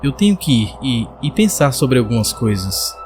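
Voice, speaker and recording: Guy voicing a meek tired mom, soft and pleading, some music under it. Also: mid-range voice, big pitch swings, normal speed, natural voice. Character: timid, worn-down mother.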